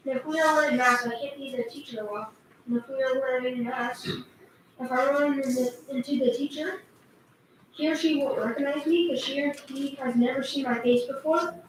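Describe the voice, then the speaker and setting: Young girl speaking in an echoey hall. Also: high voice. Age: child, final year of elementary school. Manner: earnest, halting, simple phrasing. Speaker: student giving public comment. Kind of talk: public comment speech. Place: large meeting room. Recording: echoey room, far from mic, faint noise.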